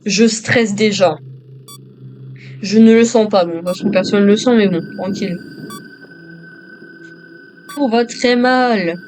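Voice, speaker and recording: A man's voice: high-pitched, steady tone, normal speed, long pauses, darkish tone, soft background music. A male gamer doing joking commentary on a horror game, talking to himself and to viewers as he plays.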